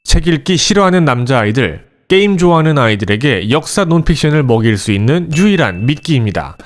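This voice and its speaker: Lively Korean-speaking male host. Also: mid-range voice. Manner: lively, animated delivery addressing parents directly. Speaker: education channel host. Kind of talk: scripted educational explainer.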